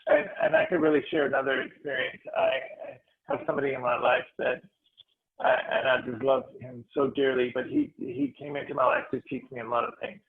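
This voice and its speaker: A man, a spiritual healer, telling a heartfelt story to a meditation group, animated and restarting his phrases. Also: very high-pitched, a little fast, creaky. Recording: tinny phone-like audio.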